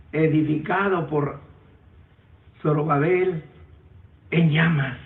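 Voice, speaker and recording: A man preaching a sermon with emotional swings from loud emphatic peaks to low quiet passages. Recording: echoey phone-like recording from far off.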